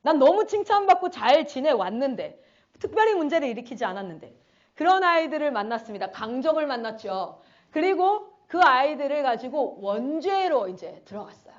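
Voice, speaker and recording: A woman's voice: high voice, sing-song, moderate pace, lo-fi sound. A woman missionary giving a conference sermon, telling stories animatedly and acting out her students' voices. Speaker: missionary speaker.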